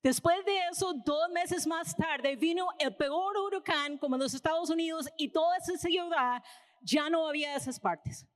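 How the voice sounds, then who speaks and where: High-voiced American woman preaching in Spanish. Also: normal speed. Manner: casual storytelling, tags lines with "¿verdad?". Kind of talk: conversational sermon. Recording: reverberant hall.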